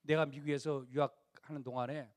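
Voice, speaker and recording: A middle-aged male pastor preaching a sermon to a youth congregation, animated and conversational, rising to near-shouts on key points. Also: a little high, a little fast. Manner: acts out quoted dialogue in a conversational tone.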